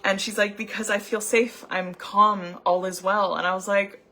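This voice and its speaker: A young adult woman, an anxiety coach, telling a personal story in a chatty, animated way with many filler words. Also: medium pitch, a little slow, slight background noise. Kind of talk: casual storytelling vlog.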